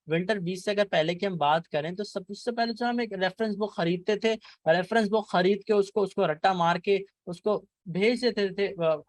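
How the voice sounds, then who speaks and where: Lecturer, young man, high voice, repeats words as he talks. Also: dry recording. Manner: mixes English phrases, keeps asking "right?", repeats words. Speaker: law lecturer. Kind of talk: orientation lecture.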